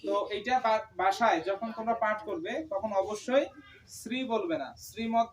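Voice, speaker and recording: A woman with a Bengali accent teaching pronunciation to a class, patiently repeating words slowly for students to copy. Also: medium pitch. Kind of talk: classroom lesson. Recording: distant mic in a room with a class audible.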